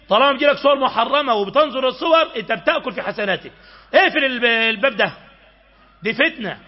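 A man with an Egyptian accent delivers an impassioned sermon in a very high, rapid voice. He pushes urgently and breaks into sudden raised outbursts. The recording is dull and lo-fi. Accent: Egyptian Arabic. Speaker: preacher.

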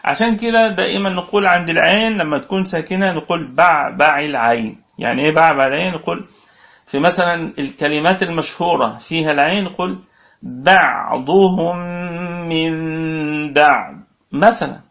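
A man's voice: a little high, fast, gravelly. A man with an Egyptian accent teaching a Quran recitation lesson, patiently explaining and sounding out letters aloud, then checking with his students. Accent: Egyptian Arabic. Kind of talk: online tajweed lesson. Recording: dull lo-fi audio.

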